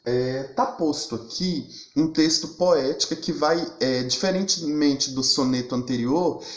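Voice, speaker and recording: Teacher explaining step by step. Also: male voice, a little high, roomy sound. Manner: explains step by step, repeats and restarts phrases. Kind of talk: recorded video lesson.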